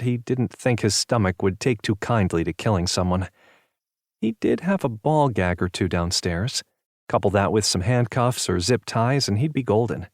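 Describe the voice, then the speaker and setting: A man narrating a romance audiobook in a steady, even storytelling manner. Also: fairly low pitch, dry recording, studio quality. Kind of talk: scripted narration.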